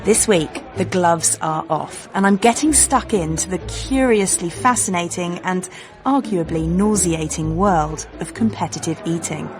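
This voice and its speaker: Female feature-radio host, low-ish voice, wry scripted narration. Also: measured pace, music in the background. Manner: wry, lightly playful script reading.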